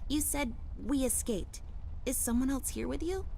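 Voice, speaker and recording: A woman's voice: sits high, moderate pace, gravelly, mellow, slight background noise. A woman voicing a smart, driven young girl detective in a video game, wry and self-assured. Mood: determined, wry. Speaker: game character.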